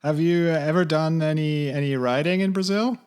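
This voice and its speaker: A man's voice: on the high side, a little fast, a little mellow, smooth. A middle-aged man hosting a podcast, asking questions in a friendly, hesitant way with lots of uhs. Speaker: podcast host. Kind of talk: casual interview.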